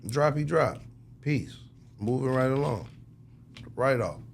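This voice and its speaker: A man with a gravelly mid-range voice talks slowly but animatedly as a record executive in a casual interview. He is emphatic and slangy, repeating phrases for effect.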